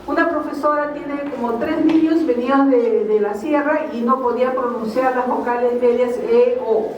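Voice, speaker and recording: A woman's voice: high-pitched, normal speed, muffled recording, a little hiss or hum. A woman gives a linguistics lecture at a university fair, explaining with frequent tag questions. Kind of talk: public talk at a vocational fair. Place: large hall at a university fair. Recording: very echoey hall, speaker far from mic.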